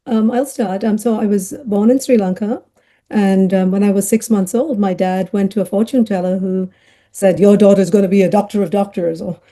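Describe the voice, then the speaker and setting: At a moderate pace and in a warm, mid-range voice with fairly even intonation, a middle-aged woman from a Ghanaian upbringing narrates her life story. She's a child psychiatrist on a podcast, keeping things conversational with many fillers and laughs.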